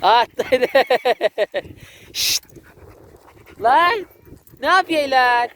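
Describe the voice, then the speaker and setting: A man, vlogging outdoors in a village and excitedly calling to a dog. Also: very high voice, extremely slow, slight background noise. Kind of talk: casual vlog commentary.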